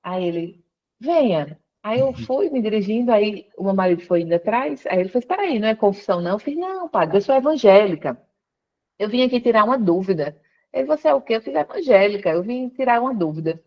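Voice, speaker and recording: A woman speaks from her workplace over a call line that sounds a little dull and lo-fi. She tells her story at an everyday pitch, switching into other people's voices as she quotes them. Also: brisk. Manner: storytelling, quoting others with lively voice shifts. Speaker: guest. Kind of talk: conversion testimony interview.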